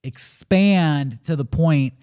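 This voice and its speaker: A man's voice: a little high, slow, warm tone, smooth, dry recording, studio quality. Reflective man in his late thirties. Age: 30s. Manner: candid, reflective, swears casually. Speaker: podcast co-host. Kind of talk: casual podcast chat.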